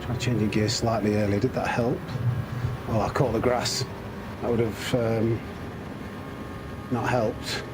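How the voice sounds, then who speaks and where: Hosting a sim racing stream, this man speaks in a lowish, flat voice at an unhurried pace with long pauses. He mutters about his own driving mistakes and addresses both himself and his viewers, with racing game engine sounds clearly audible underneath.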